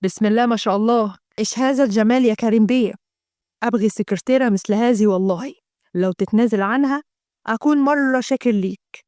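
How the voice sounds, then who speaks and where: A woman voicing a fawning wealthy man with a Gulf Arabic accent, speaking in a slow, flattering drawl. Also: fairly high pitch, dry recording, clean studio sound, voice pushed down, natural voice. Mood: flirtatious.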